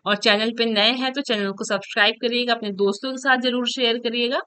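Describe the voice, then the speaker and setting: A woman's voice: fairly high pitch, steady tone, brisk, pushed and bright, clear, resonant tone, dry recording. A woman teacher giving an online exam-prep lesson, explaining step by step, checking in often and writing on a board as she goes. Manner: writes and erases on a board while talking.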